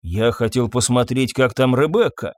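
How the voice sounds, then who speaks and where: A man's voice: mid-range voice, moderate pace, a little mellow, no echo, close to an everyday voice. A man voicing a timid, evasive stable groom who mumbles subdued replies. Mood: meek.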